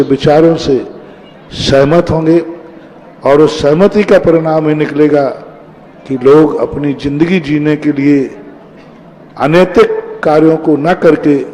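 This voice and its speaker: A man giving a sermon as a Jain monk, measured and repeating phrases for emphasis. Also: fairly high pitch, dark tone, a little hiss or hum. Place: temple hall with a gathered audience. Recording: long reverb of a hall with a crowd.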